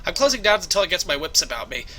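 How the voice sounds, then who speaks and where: A man's voice: high voice, sing-song, very fast, bright, forceful tone, pitched above the performer's own voice, heavily acted. A man voicing a frightened young woman who runs a space station shop, talking shakily and stammering. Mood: scared. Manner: shaky, breathless, stammering.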